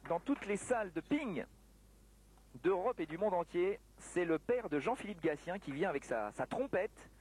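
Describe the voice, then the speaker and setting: A man's voice: high voice, animated, normal speed, a little mellow. A man giving live sports commentary on a table tennis match. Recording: noisy sports hall broadcast, background ambience. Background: sports hall noise.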